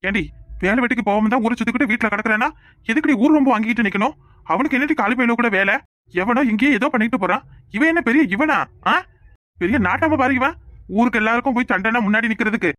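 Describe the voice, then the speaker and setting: Man doing a scolding cartoon village elder, Kanyakumari Tamil accent, rapid, bright and harsh. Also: extremely high pitch, no room sound, clean studio sound. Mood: berating. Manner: shouting, berating, sarcastic. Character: angry middle-aged village man, bossy, scolding. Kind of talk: cartoon voice acting.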